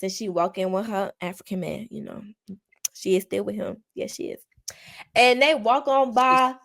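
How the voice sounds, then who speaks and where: A woman podcast co-host, excitedly retelling a celebrity encounter in casual chat. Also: medium pitch. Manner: animated, excited retelling with quoted dialogue.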